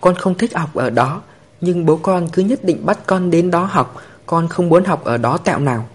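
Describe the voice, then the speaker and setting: Man putting on a little girl, high pleading voice, tearful, stubborn, breathy, storybook. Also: expressive, moderate pace. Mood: sobbing.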